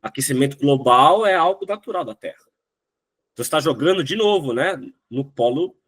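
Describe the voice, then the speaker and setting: A man's voice: on the high side, fairly bright tone, husky. A man with a Brazilian Portuguese accent teaching a recorded class, explaining step by step and often checking in with "né?". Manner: explanatory, frequent "né?" tag questions. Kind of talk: recorded lecture.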